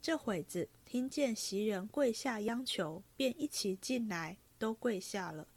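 A woman reading a classic novel aloud in steady, brisk narration. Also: medium pitch. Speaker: reader of classic literature.

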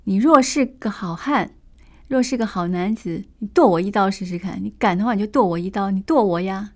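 A swaggering male street thug, jeering and goading, daring his victim to strike him, as a woman storyteller puts him on. The voice stays close to an ordinary mid-pitched speaking voice, taunting rather than roaring. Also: a little fast, a little mellow, natural voice. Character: brawny male street bully, taunting and menacing.

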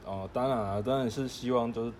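A man's voice: mid-range voice, fairly even intonation, fairly quick, a little mellow, slight background noise. A man with a Taiwanese accent co-hosting a casual chat, often stammering and repeating his words. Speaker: podcast co-host.

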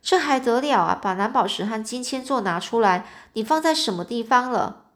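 A woman's voice: on the high side, lively intonation, normal speed, a bit bright. A woman reading a storybook aloud, voicing an outraged middle-aged banker father who scolds and accuses his son. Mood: furious.

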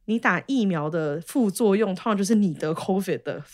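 A woman's voice: mid-range voice, expressive, moderate pace. A young woman with a Taiwanese Mandarin accent, talking expressively and colloquially in a casual chat as a podcast host. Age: young adult.

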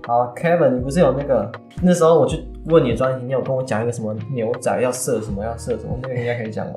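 Rapid teasing young man. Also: medium pitch, steady tone, warm tone, far from the mic. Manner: teasing, prods others to talk. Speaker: podcast host, student. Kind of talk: casual chat. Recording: roomy, off-mic, faint music.

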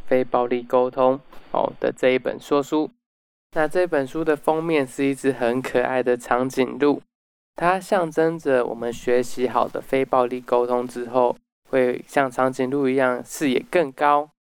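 Smooth-voiced man summarizing a book. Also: medium pitch, dry recording. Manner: explanatory, sprinkles sentences with soft "oh" particles. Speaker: podcast host.

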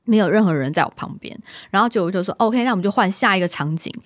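A woman's voice: medium pitch, fast talker, dry recording, clean studio sound. A woman, co-hosting a podcast and telling a personal story, acting out the dialogue as she goes. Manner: animated storytelling, acts out dialogue, laughs. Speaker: podcast co-host. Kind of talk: casual chat.

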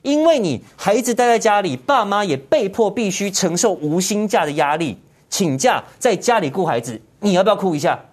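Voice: mid-range voice, lively intonation, moderate pace. A political commentary host, ranting indignantly in heated commentary and firing off repeated rhetorical questions.

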